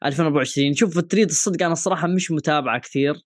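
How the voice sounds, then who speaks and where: Very fast, higher-voiced Gulf Arabic man. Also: dry recording, clean studio sound. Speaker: boxing podcast co-host. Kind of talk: casual chat, question-and-answer hosting.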